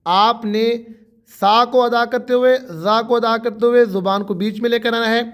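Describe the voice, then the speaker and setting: A man's voice: very high-pitched, flat delivery, fairly bright tone, clear, resonant tone. A man teaching a Quran tajweed lesson, drawing out single letter sounds and explaining each one patiently. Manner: drawn-out letter sounds for pupils to repeat.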